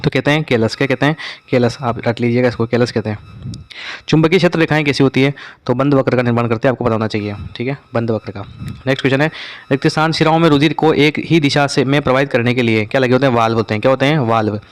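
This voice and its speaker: A male teacher works briskly through exam revision questions. His voice is clear and smooth, and he quizzes his listeners, then repeats each answer to drill it in. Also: mid-range voice.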